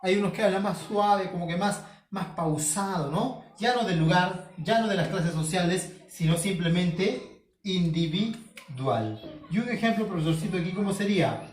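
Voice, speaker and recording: A man teaching a home-schooling language lesson, explaining slowly, repeating key words and asking himself questions as the student would. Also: sits high, far from the mic. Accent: Peruvian Spanish. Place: home room. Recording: echoey room, voice from off the mic.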